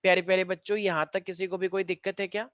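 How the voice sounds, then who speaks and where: A man teaching physics races through his lecture, teasing the class, addressing the students directly, and mixing in English phrases. His voice sits high and fairly bright, with little pitch movement. The classroom recording is dull and lo-fi, with no echo.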